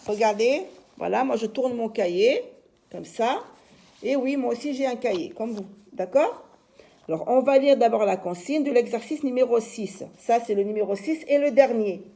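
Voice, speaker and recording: A woman teacher giving a slow, patient reading lesson to young children, sounding out each syllable. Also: a little high, vocal fry, mellow.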